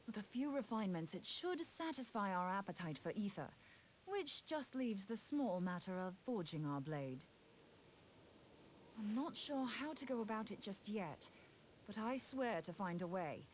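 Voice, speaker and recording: A plucky scholar heroine from a video game, acted by a woman, with a lively, moving intonation. She talks in a wry, chatty, informal manner at a medium pitch, over faint background noise. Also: normal speed, close to an everyday voice. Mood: determined. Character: plucky, wry female scholar who loves axes. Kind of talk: scripted video game voice acting.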